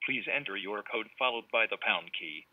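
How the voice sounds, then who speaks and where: A man's voice: fairly low pitch, very noisy. Male answering machine prompt over a tinny phone line. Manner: measured, formal recorded instructions. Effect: answering machine message over a phone line. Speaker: automated voicemail system prompt.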